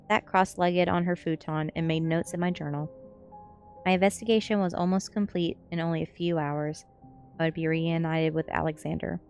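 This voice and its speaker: This is a lowish, creaky, slightly mellow female voice. She's a streamer giving an ASMR-style storybook reading of a novel, breaking off for relaxed, welcoming remarks to her audience and fumbling the odd word. Music sits in the background.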